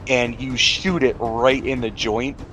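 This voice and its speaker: This game master is a man with a medium-pitched, steady, slightly bright voice who narrates a tabletop game's action and rules at a measured pace. His delivery is conversational and descriptive, and the low-quality recording has a music bed beneath it.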